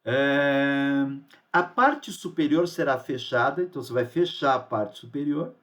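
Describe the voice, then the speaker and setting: A man's voice: medium pitch, measured pace, fairly bright tone. A man teaching a math lesson, patient and often checking that the students are following.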